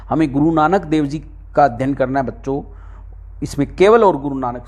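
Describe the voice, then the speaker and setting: A man's voice: fairly high pitch, a little mellow. A middle-aged male teacher walks students through a textbook index chapter by chapter, calling them his dear children and repeating each point for emphasis. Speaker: exam-prep teacher.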